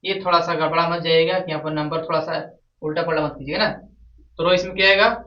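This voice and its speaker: A man with a voice on the high side and fairly even intonation moves quickly through a math lesson at the board, repeating questions to his class and answering them himself. It's recorded from afar in an echoey classroom, sounding dull and lo-fi.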